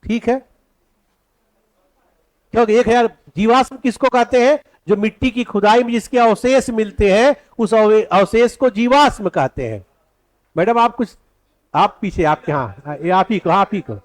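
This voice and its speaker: A male teacher giving an exam-prep lecture. He asks the class questions, answers them himself, and repeats key points slowly for note-taking. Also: high voice.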